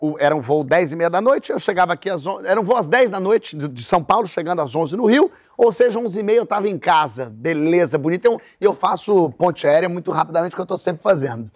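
A man's voice: high-pitched, fast, few pauses. A Brazilian man, a talk show host, telling a comic anecdote and acting out the people in it. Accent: Brazilian Portuguese. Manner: animated anecdote telling with voiced characters.

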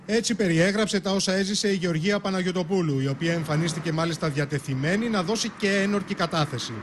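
A male news reporter reading scripted narration in a measured, formal way. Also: high voice, slight background noise.

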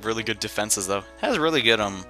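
Over game music, a young let's play commentator chats away about his gameplay, self-deprecating and rambling with lots of fillers. His voice is on the low side, animated, and he talks fast.

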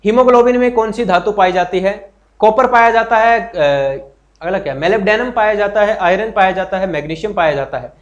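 High-pitched, chatty Hindi-speaking teacher. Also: male voice, a little fast, dull audio. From Haryana, India. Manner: chatty and encouraging, repeats points and asks the class questions; greets viewers and reads their comments aloud. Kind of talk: live online exam-prep lesson.

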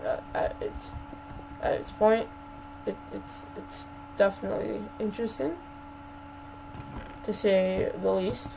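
A woman talks over her gameplay as a channel host, stammering and repeating herself as she rants in exasperation. She speaks slowly, at an ordinary middle pitch. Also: steady tone, creaky, background noise. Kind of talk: gameplay commentary.

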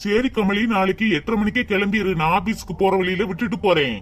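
A man's voice: sits high, quick pace. A man voicing a caring older brother and indulgent father in a cartoon, coaxing and fussing. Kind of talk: Tamil cartoon dubbing.

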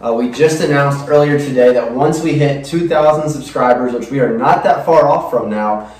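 Young guy hosting, chatty, normal pitch, super roomy sound. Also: normal speed, darkish tone. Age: young adult. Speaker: host of a spicy food challenge show. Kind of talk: casual on-camera presenting. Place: small indoor room, seated at table. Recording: echoey room, distant microphone.

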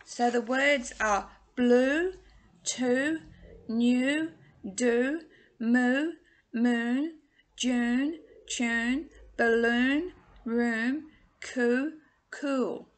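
Her voice is fairly high, and she speaks very slowly with frequent pauses. This woman in her sixties, from England but raised in Australia, has an Australian accent with a hint of English. She teaches singing from a small room at home, carefully enunciating vowel words into a laptop webcam.

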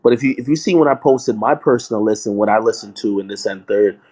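A man's voice: lowish voice, fast, a little mellow. Rambling young man in casual chat. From Jamaica. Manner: rambling, many restarts and "you know what I mean". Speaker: hip hop media personality. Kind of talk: casual audio chat room conversation.

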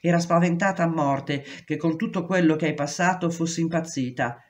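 A woman reading aloud, voicing a calm, practical lawyer who reassures her client. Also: low-pitched, normal speed, close to an everyday voice. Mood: reassuring. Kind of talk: audiobook reading.

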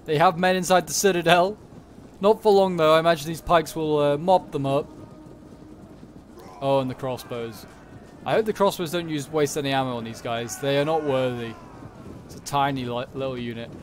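Higher-voiced man commentating over game noise. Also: fairly even intonation, moderate pace. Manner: musing, thinking aloud. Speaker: gaming commentator. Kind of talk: casual strategy game battle commentary. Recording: noticeable background noise, game ambience. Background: video game battle ambience.

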